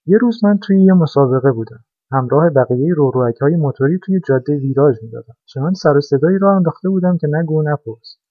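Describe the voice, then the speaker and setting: A man voicing an eager, boastful go-kart that tells its tale with lively excitement, as a storybook character. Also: a little high, no room sound. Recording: dry, dull lo-fi recording.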